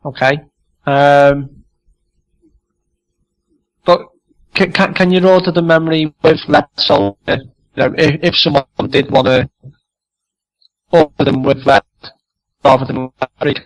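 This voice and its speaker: A man calling in with casual technical questions, halting and repeating words, heard through a low sample rate internet call that turns glitchy and robotic. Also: steady tone. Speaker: caller on a live call. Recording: lo-fi, thin call audio heard from afar.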